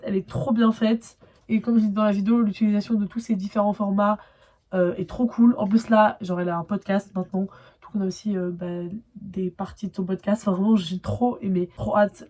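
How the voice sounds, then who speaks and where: A young woman talks through her recent reads in a casual vlog. She is chatty and animated, leans on filler words and breaks into bursts of excitement. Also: medium pitch. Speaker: booktuber reviewing her reads. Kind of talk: casual book review vlog.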